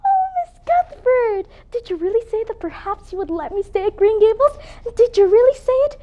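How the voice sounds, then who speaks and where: A woman's voice: sits high, very animated, moderate pace, highs cut off. A woman playing a dreamy, dramatic orphan girl in a competitive interpretation piece, gushing in flowery phrases. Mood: pleading.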